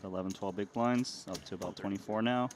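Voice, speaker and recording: A man's voice: on the low side, quick pace. A man giving analytical live poker commentary in a conversational way.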